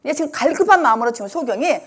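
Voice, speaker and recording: Preaching with great emphasis, a woman pastor brings her sermon to life by voicing the cries of the people in her story, including the blind man. Her high voice races along.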